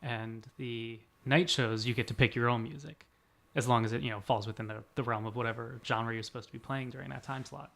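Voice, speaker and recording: A man's voice: medium pitch, fairly even intonation, a little fast, creaky, a bit bright. A young man in his twenties chatting casually as a podcast co-host, rambling and self-deprecating, laughing often. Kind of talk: casual chat.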